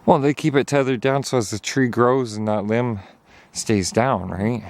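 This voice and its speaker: A man's voice: mid-range voice, normal speed, a little mellow. A man narrating a casual hiking vlog outdoors on a snowy trail, chatty and at times out of breath. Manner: chatty, talking while hiking, sometimes out of breath. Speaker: vlogger.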